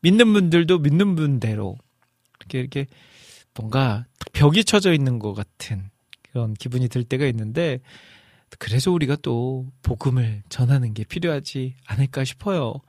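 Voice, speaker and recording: A man's voice: animated, normal speed, darkish tone, dry recording. Chatty middle-aged man hosting, dry close sound. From North Jeolla, South Korea. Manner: chatty and friendly, jumps up in pitch when reading out comments. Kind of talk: casual live show chat, reading listener messages.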